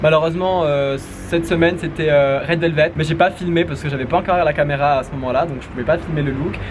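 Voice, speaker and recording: Young French male vlogger, casual and rambling, slightly high voice, handheld camera. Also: steady tone, fast talker, a little hiss or hum. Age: 20s. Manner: chatty, rambling with many fillers. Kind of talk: casual home vlog.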